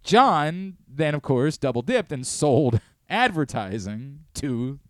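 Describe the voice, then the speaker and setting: A male American radio host spins a rambling story in a lively voice that swings high and low. The sound is dry and close, straight from a studio mic. He laughs between his lines and tosses in quick asides. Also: dry recording. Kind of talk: casual storytelling chat. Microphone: studio microphone.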